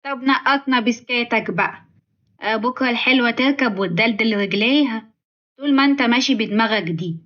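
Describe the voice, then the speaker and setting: A woman voicing a sharp-tongued, greedy older mother-in-law with an Egyptian accent, mocking and scornful. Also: fairly high pitch, fairly quick, lo-fi sound, lightly acted. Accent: Egyptian Arabic.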